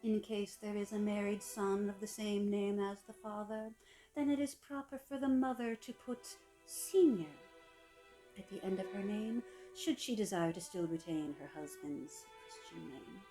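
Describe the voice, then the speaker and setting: Female narrator, sultry and mellow, scripted book reading, soft phrase endings. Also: medium pitch, soft background music, rough recording. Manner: sultry, slow-savoring delivery with soft trailing phrase ends. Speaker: reader of a public-domain etiquette book.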